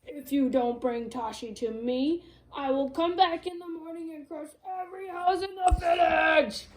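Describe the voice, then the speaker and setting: A woman voicing a huge, angry male giant in a storybook read-aloud, bellowing loud threats. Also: high voice, slow, pitched above the performer's own voice. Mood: booming.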